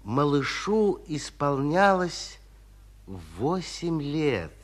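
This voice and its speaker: A man narrating a 1950s radio fairy tale as a kindly storyteller, gentle and expressive. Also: on the high side, drawn-out words, heavily acted. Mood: tender. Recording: 1950s radio drama recording.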